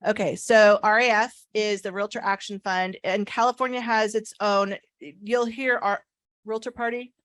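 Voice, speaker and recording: With a mid-range, slightly bright voice, this association government affairs staffer addresses a meeting at a moderate, steady pace, arguing earnestly and emphatically while repeating key phrases. She wears a retainer, which slightly slurs her speech. The recording is dry, with clean studio sound.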